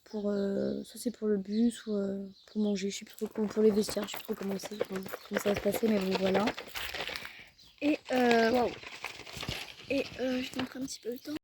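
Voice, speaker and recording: A woman's voice: mid-range voice, steady tone, moderate pace, background noise. A young woman rambling through a casual family vlog, with lots of fillers and self-corrections. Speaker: mother vlogging her family day. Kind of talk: casual chat to the camera.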